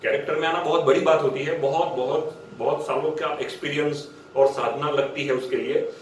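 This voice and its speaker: A man teaching acting in a casual instructional talk, explaining step by step and sometimes stretching words out slowly to demonstrate. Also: on the high side, fairly even intonation. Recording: very echoey room, distant mic, faint noise.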